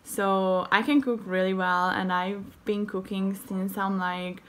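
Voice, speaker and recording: A woman's voice: medium pitch, steady tone, slow pace, fairly bright tone. Young Hungarian-accented woman, cooking vlogger, chatty and enthusiastic, faint noise in a home kitchen. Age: young adult. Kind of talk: casual cooking tutorial.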